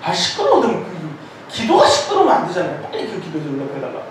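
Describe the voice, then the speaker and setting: A middle-aged male pastor gives a loose, humorous sermon at a prayer meeting and calls himself loud. His slightly high voice rises and falls a great deal as he tells stories. He is picked up from across a strongly echoing church room, with a faint hiss behind him. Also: fast. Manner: animated, joking storytelling, calls himself loud. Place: church sanctuary. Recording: echoey church hall, distant mic, faint noise.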